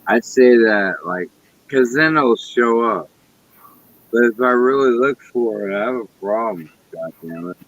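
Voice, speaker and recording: A man's voice: medium pitch, lively intonation, unhurried, a bit bright, dull audio. A man chatting on a friend's live stream, swearing and rambling agitatedly. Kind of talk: casual live-stream chat.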